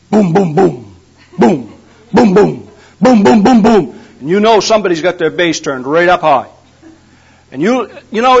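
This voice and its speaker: Older man preaching a folksy sermon. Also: high voice. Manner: folksy storytelling with humor. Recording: dull lo-fi recording.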